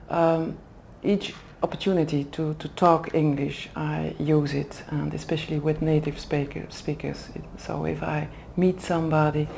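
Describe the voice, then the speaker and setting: Her voice is low, mellow and creaky, with a little hiss or hum in the background. She's an executive development manager, a Dutch native speaker answering interview questions in a second language at a language school in Oxford, careful and hesitant as she pauses for words.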